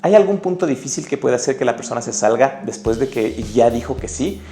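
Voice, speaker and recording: Speaking straight to the viewer, a man gives an upbeat, emotive summary of a sales book, like an animated sales lesson. His medium-pitched voice is expressive, brisk and dark in tone, recorded in an echoey room with faint music behind him.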